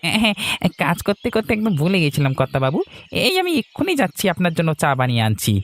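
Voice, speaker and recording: A man's voice: a little high, wildly swooping pitch. A man voicing a flustered, apologetic young servant in a cartoon. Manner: hurried, apologetic. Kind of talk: Bengali cartoon voice acting.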